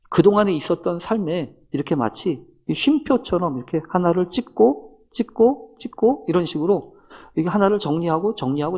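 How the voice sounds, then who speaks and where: A man preaching a thanksgiving sermon as pastor, in a conversational way with rhetorical questions and soft murmured asides. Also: sits high.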